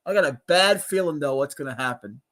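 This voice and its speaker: Excitable sports show host, a man with a high, animated voice who ribs his co-host. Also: fairly quick. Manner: excitable, teasing, bursts into shouts and laughs. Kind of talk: live game-watch commentary chat.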